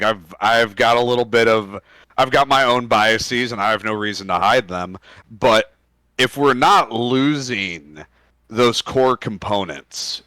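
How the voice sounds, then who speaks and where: Bright, dry-voiced laid-back podcast man. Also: on the low side, no room sound. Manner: laid-back, measured, casual slang. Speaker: podcast co-host. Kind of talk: casual gaming chat.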